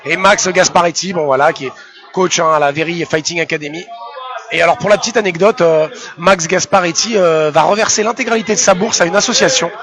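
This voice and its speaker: A man's voice: high-pitched, brisk. A man giving casual, chatty live fight commentary, often hesitating as he searches for words. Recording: loud crowd behind commentary.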